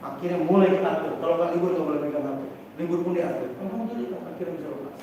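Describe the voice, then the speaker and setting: Animated man lecturing in an echoey hall. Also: on the high side, very fast. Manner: animated, acts out parents and children, asks the audience questions. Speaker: Islamic teacher giving a parenting seminar. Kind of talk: lively lecture to parents. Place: large seminar room. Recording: distant, very echoey hall with faint noise.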